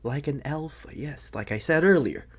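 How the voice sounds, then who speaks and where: Here the same young man plays the nervous, confused teen werewolf-in-transition for an ASMR roleplay, pitching his voice fairly high and keeping it animated. His delivery is a halting, husky, breathy half-whisper, bewildered and pressing.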